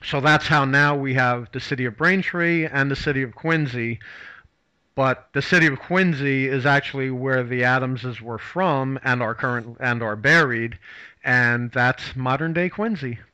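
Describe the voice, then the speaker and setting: A man's voice: mid-range voice, a little slow, pushed and bright, clean tone, no echo, muffled recording. A man hosting a casual talk show, rambling through facts with many fillers and restarts. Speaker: host.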